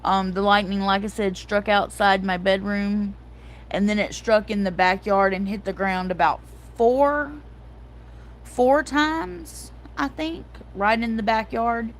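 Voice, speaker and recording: Middle-aged female host, casual livestream chat, lively storyteller. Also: medium pitch, slow. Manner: animated storytelling, addresses viewers as y'all.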